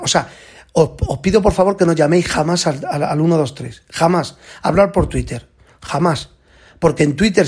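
A man from telling a rambling, excited story, constantly repeating "I said" and "he said". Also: fairly high pitch, creaky, breathy edge. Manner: rambling, repeats "digo" and "dice"; excited and exclaiming. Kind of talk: casual spoken rant.

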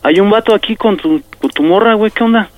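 Slangy Mexican prank accomplice. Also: male voice, sits high, fast talker, dry recording. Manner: slangy, urgent.

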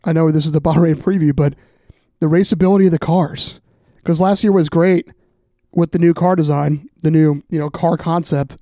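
A man's voice: fairly high pitch, steady tone, moderate pace, mellow, dry recording, clean studio sound. A man co-hosting a casual sports podcast, laid-back and joking. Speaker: podcast co-host.

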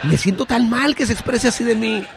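A man's voice: extremely high pitch, a little fast, creaky, noisy background. A man voicing two bawdy, gossiping middle-aged women friends with a Mexican accent in a comedy sketch, trading teasing banter and breaking into cackles and squeals. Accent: Mexican Spanish. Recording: music playing behind the voice.

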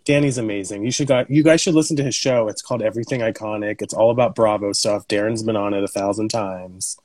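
A man co-hosting a casual chat on an Instagram live, animated and jokey, talking over a video call. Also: lowish voice, fast talker, no echo, rough recording. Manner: animated, jokey, lots of fillers. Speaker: podcast co-host.

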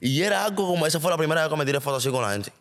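A man chats casually as a podcast guest, his pitch rising and falling a lot as he tells stories. He stops and restarts often, piling up half-sentences before getting to the point. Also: rapid-fire. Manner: rambling, animated storytelling with many restarts. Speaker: guest artist. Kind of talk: casual chat.

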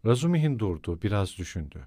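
A man narrating a classic novel in steady, even scripted narration. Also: fairly low pitch, fast talker, no room sound, clean studio sound. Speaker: audiobook narrator.

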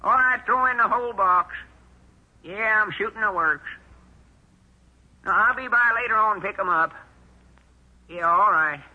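A man playing an old grandpa who puts on a squeaky high voice on the telephone, halting and flustered. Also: slightly rough. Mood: fake-polite flustered. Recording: dull lo-fi old radio recording.

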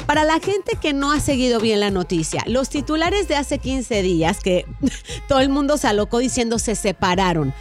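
High-voiced woman gossiping on radio. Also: moderate pace, soft background music. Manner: playful, expressive, digressive. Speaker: entertainment gossip presenter. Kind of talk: chatty celebrity gossip segment on a radio show.

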